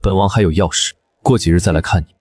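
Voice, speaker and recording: A cold, husky young prince. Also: male voice, sits low, fast talker, a little mellow, no echo. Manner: curt, commanding.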